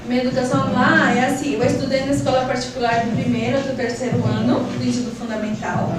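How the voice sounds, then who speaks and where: This high-voiced woman, a native Spanish speaker from Lima, Peru, is a school manager answering interview questions casually. Warm and talkative, she leans often on fillers like "então, assim." Her voice comes through a distant mic in an echoey room with noise in the background.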